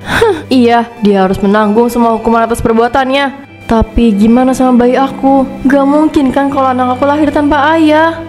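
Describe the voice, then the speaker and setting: A woman voicing a troubled, pregnant teenage schoolgirl in a cartoon, soft-spoken and worried. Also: high-pitched, steady tone, normal speed, faint music behind, close to an everyday voice. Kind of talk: cartoon voice acting.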